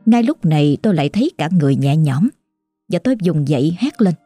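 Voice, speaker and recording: A woman narrating a horror story in an emotive, dramatic manner, over soft background music. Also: deep voice, sing-song, fast talker, no room sound.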